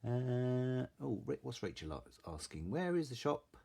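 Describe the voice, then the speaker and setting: Man, very lively, swooping intonation. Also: mid-range voice, a little slow, vocal fry. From Salisbury, southern England. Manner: chatty, informal. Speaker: craft live stream host. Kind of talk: casual live stream chat, greeting viewers.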